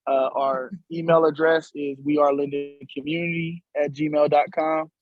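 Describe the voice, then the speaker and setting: A man from a community group speaking casually on a panel, relaxed and hesitant. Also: a little high, normal speed, no echo, phone-quality sound, soft background music. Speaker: community organizer.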